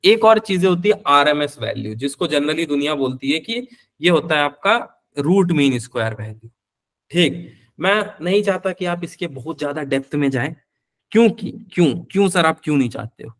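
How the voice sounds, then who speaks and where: A man's voice: fairly high pitch, expressive, moderate pace, fairly bright tone. Chatty male physics teacher. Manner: chatty, calls students beta, answers their questions. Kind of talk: live online class.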